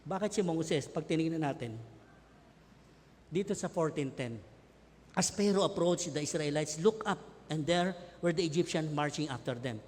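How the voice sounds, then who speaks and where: A male pastor preaching a sermon, swinging between hushed, low passages and loud cries. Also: normal speed, big-room sound, a little hiss or hum. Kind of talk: Taglish sermon.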